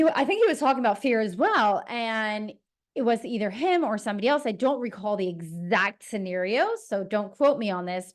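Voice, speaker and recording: A woman from Toronto, a personal trainer talking in a casual, rambling monologue full of fillers. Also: a little high. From Toronto, Canada. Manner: chatty and rambling, with many fillers.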